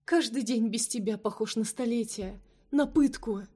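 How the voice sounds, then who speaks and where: A woman's voice: a little high, normal speed, husky. A woman voicing a furious jealous vampire lover. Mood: yearning. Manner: shouting, hissing accusations.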